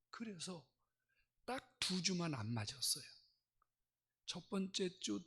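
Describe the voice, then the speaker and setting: Male pastor, sermon delivery, breathy edge on a bright, forceful voice, swings between whispers and bursts. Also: fairly high pitch. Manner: dramatic storytelling, swings from hushed whispers to loud outbursts.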